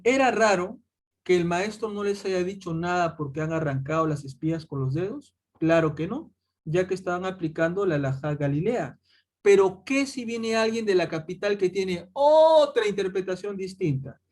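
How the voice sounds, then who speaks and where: A man's voice: sits high, moderate pace, a little mellow. A man teaching a Bible lesson, calling his listeners "chicos" and answering his own questions as he goes. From Peru. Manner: addresses listeners as "chicos", asks rhetorical questions.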